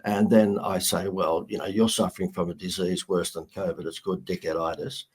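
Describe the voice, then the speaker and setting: A man's voice: sits low, fairly even intonation, a little fast, darkish tone, husky. A middle-aged man with an Australian accent, a marketing guest telling brash, joking stories in a casual interview.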